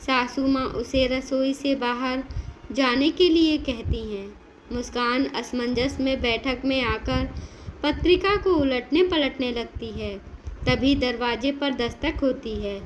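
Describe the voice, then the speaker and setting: Slow, high-voiced woman narrating a story. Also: slight background noise, low-quality recording.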